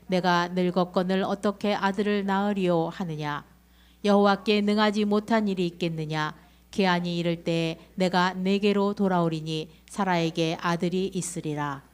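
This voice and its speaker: A woman reading scripture aloud in a church, steady and measured. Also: lowish voice, clean tone. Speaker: scripture reader. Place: church sanctuary.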